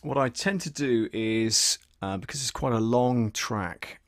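A middle-aged man, a voice-over artist and audio producer, casually walks through his audio editing as a tutorial, sometimes muttering to himself as he works. His mid-range voice is measured in pace. Recorded close on a desk microphone in a small indoor desk studio, the sound is clean, with no room sound.

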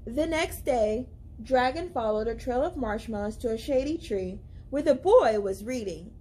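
A young woman reading a children's picture book aloud as a library storyteller, with expressive, deliberate, dramatic emphasis. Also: a little high, husky. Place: indoors, library among bookshelves.

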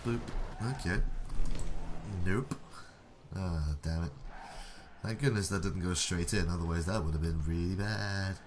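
A young man with a low voice talks through a match at an unhurried pace, dry and sarcastic about his own misses and his team. A faint hiss of room noise sits under his words. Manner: sarcastic, self-mocking running commentary. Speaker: gaming YouTuber. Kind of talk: casual gameplay commentary.

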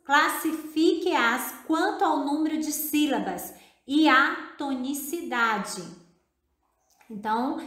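A Brazilian woman teacher with a high voice talks slowly and patiently, addressing the child directly in a recorded video lesson. She has a Brazilian Portuguese accent and spells out words syllable by syllable. The sound is echoey, as in a bare room. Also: bright, forceful tone.

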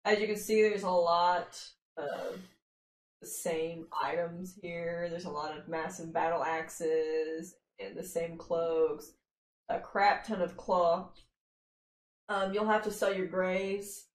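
A woman's voice: fairly low pitch, steady tone, takes it slowly. A young woman streaming from home, casually explaining her game loot with a few fillers. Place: home room, indoors. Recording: echoey room.

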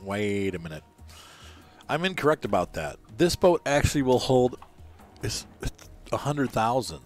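A man reviews a fishing game while playing it, offering casual gameplay commentary and frequently correcting himself mid-sentence and apologizing. His mid-range voice is animated and at a normal speed, with soft background music.

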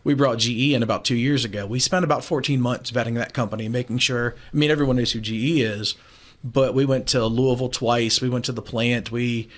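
Man in his 40s talking shop on a radio call-in, brisk and sure of himself, studio mic. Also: medium pitch, fairly even intonation. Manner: brisk, confident business talk. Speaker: appliance store owner guest. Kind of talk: casual radio talk interview. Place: small room, indoors, remote video call. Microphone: studio mic with headphones.

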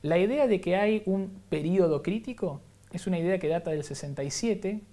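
A man's voice: high voice, moderate pace, warm tone. A man with a Rioplatense Spanish accent, explaining science as an interview guest, teaching with examples and frequent rhetorical checks. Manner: didactic, uses examples and rhetorical "¿no?".

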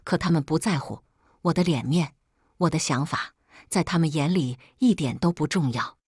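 A woman with a somewhat low, breathy and husky voice narrates a story told in the first person, keeping her delivery calm and even. The recording sounds intimate and completely dry, without any room ambience.

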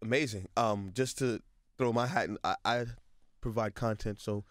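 A young man hosting a casual studio interview, upbeat with quick reactions. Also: on the low side, dry recording. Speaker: show host. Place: radio studio.

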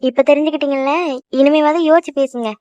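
A woman's voice: sits high, steady tone, warm tone, dry recording, highs cut off, natural voice. A woman voicing a jealous cartoon girlfriend. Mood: sulky, scolding. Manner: quick, sulky scolding. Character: young woman, jealous quick-tempered girlfriend. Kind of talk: cartoon voice acting.

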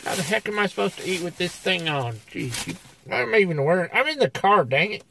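Shrill, sharp-toned comic eater, squeaky and rambling. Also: male voice, big pitch swings, a little fast, vocal fry, a little hiss or hum, full character voice, rough recording. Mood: chatty. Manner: rambling, flustered chatter. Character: squeaky goofy man eating takeout on camera.

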